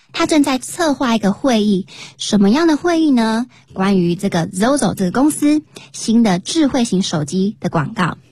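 A woman's voice: fairly high pitch, darkish tone, no room sound. A woman co-hosting a radio English lesson, reading dialogue lines and explaining them carefully. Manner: clear, careful explanations, spells words out. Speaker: English teacher, radio co-host. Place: radio studio.

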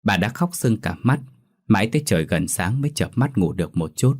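A man narrating a ghost story in a steady, measured way. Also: on the low side, slightly rough.

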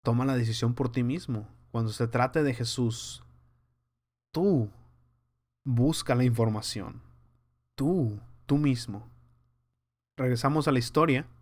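A man leads a verse-by-verse Bible study in an earnest, conversational way. His voice sits at an ordinary middle pitch, and he preaches as if speaking to brothers in the faith. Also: slow, pauses often. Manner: acts out scenes in lively voices. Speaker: Bible teacher.

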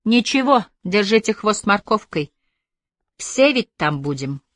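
A woman's voice: on the low side, sing-song, moderate pace, no room sound. A woman reading an audiobook voices a cheeky, chatty young actress with breezy banter. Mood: chirpy.

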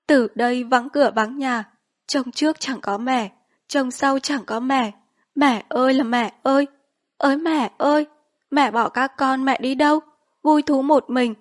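A woman voicing a young daughter-in-law who wails a drawn-out funeral lament for her mother-in-law. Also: sits high, voice pushed up. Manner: keening, drawn-out wailing cries.

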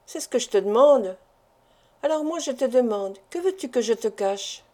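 Probing, suspicious doctor husband, read by a woman, pressing questions, mellow higher voice. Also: expressive, normal speed, close to an everyday voice. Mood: insistent. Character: anxious, suspicious doctor husband, a grown man.

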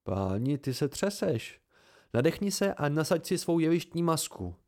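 A man voicing an eccentric older male master who speaks quietly with cool amusement, in an audiobook reading. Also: on the high side, sing-song, pitched above the performer's own voice.

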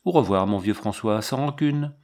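A man's voice: on the low side, moderate pace, a little mellow, lightly acted. A man reading the part of a stern, aloof army captain in his thirties, in a curt, commanding manner for an audiobook. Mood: probing.

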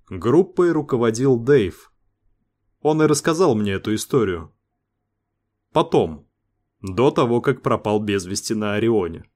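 A man narrating a science-fiction story in a measured, even way. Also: medium pitch. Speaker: audiobook narrator.

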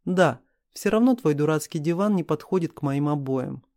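A man voicing a feisty, sharp-tongued young wife who is tipsy, lifting his voice to sound indignant. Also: on the high side, animated, normal speed, no room sound, clean studio sound. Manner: indignant, raised voice.

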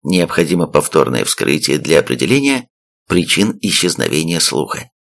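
A calm, clinical doctor speaks in a measured way with a deep, gravelly voice, as a male narrator reads him. It is a storybook voice close to the reader's own. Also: heavily acted.

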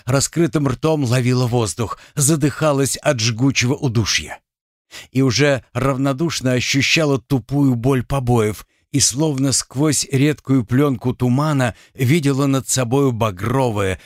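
A man's voice: mid-range voice, dry recording, clean studio sound. Grave male audiobook narrator.

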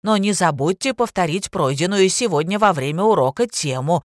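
A woman reading an audiobook, voicing an excitable elderly female literature teacher who lectures in a prim, gushing way. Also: on the low side, moderate pace, no echo, clean studio sound, close to an everyday voice. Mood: fussy. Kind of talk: audiobook character voice.

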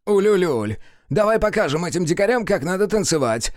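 A man's voice: high-pitched, big pitch swings, fairly quick, darkish tone, no echo, clean studio sound, voice pushed up. A male narrator voicing a pompous, theatrical man who makes gushing, grandiose exclamations in an audiobook. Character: pompous, theatrical man, dance-mad show-off. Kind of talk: audiobook character voice.

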